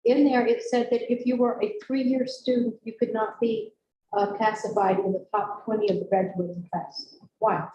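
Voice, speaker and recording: A woman's voice: on the high side, little pitch movement, moderate pace, warm tone, highs cut off, slight background noise. A woman on a school board speaking frankly at a public meeting, with frequent restarts. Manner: frank, rambling, many restarts. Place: meeting room. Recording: echoey room mic from a distance.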